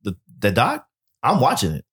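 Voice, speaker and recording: Lively man with a wide-ranging voice. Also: normal speed, breathy edge. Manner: lively, jumps in pitch when surprised. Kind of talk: casual chat.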